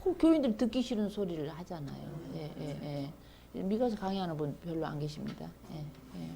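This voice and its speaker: A middle-aged woman lecturing on scripture in a relaxed, conversational way. Her low voice rises and falls a great deal as she reads passages aloud with strong emphasis. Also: brisk, creaky, slight background noise. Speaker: seminary lecturer. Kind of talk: bible lecture.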